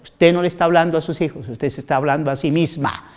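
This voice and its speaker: A man giving an informal health talk to a group, animated and full of rhetorical questions, with a Colombian Spanish accent. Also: on the high side, quick pace. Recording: hall with long reverb.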